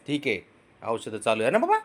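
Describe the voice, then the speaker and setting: A man talks to his cat in a coaxing, sing-song baby voice, his pitch leaping up and down with every question. He sounds like an owner casually filming his pets at home. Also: huge pitch swings, fairly quick. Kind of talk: casual pet vlog.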